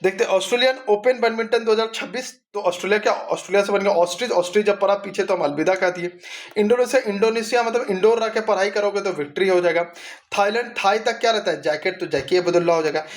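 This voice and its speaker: A man's voice: high-pitched, fast talker. A young man teaching exam tricks in casual chat, asking himself questions and answering them, calling the viewer brother. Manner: quizzing himself with rhetorical questions. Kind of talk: mnemonic exam lesson.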